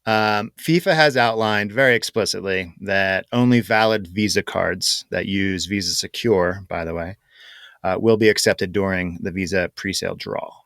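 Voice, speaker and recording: A man co-hosting a podcast, talking casually and explaining things with many fillers and pauses. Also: sits low, fairly bright tone, dry recording, studio quality. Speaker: podcast co-host. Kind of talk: casual chat.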